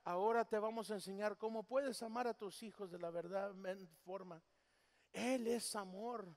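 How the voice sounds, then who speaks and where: A man preaching a sermon as pastor in a church, swinging from loud emphasis to hushed tenderness. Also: sits high, moderate pace. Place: church sanctuary. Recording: long hall reverb.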